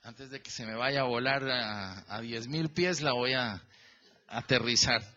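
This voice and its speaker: Preaching in an unhurried, mid-range voice, the pastor stretches out a verse bit by bit with lively energy. He asks the congregation questions and names individual members, all captured on lo-fi sound.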